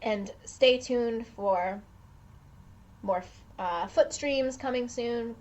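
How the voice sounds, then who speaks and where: A woman's voice: on the high side, slow. Rambling young woman vlogger, lo-fi. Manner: rambling, self-interrupting, laughs often. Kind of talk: casual storytime chat.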